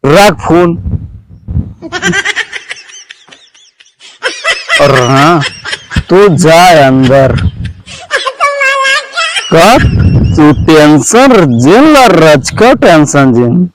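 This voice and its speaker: A man's voice: on the high side, very animated, background noise, exaggerated voice. A man playing a swaggering, maudlin village drunk in a comedy sketch, rambling drunkenly with an Awadhi accent from eastern Uttar Pradesh. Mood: boastful, threatening, then maudlin, affectionate. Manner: drunken, rambling, drawn-out town drunk talk.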